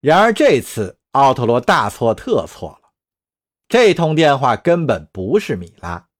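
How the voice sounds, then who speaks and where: A man's voice: mid-range voice, big pitch swings, unhurried. Man narrating a dramatic story.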